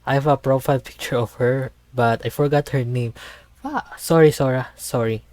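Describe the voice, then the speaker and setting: A man's voice: medium pitch, steady tone, moderate pace, darkish tone, dry recording, poor audio. A young man reading game dialogue aloud and commenting. He stumbles and corrects himself often. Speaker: gameplay commentator.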